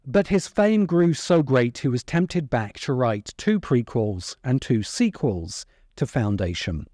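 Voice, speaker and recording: Delivering scripted video essay narration, a middle-aged host speaks into a stand-mounted microphone placed close before him. His medium-pitched voice has a darkish tone, and there's no room sound at all.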